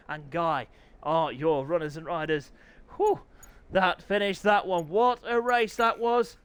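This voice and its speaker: Guy calling sim races, high voice, hoarse throat, keeps clearing it. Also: no echo. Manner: excitable, chatty, frequent throat clearing. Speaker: sim racing commentator. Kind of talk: live race commentary.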